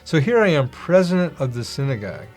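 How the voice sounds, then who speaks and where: A middle-aged man giving a personal testimony in an animated storytelling manner, acting out the dialogue he recalls. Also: a little high, fast. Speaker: testimony speaker.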